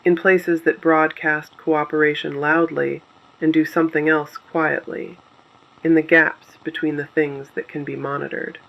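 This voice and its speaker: A quietly defiant resistance broadcaster in a scripted dystopian drama is voiced by a performer speaking in short, grave, deliberate phrases with solemn resolve. The mid-range voice shows little pitch movement, and the audio sounds dull.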